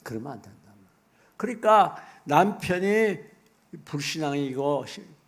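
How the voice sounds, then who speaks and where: Animated Korean pastor preaching. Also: male voice, fairly high pitch, a little slow. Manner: folksy, animated preaching with acted asides. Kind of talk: sermon.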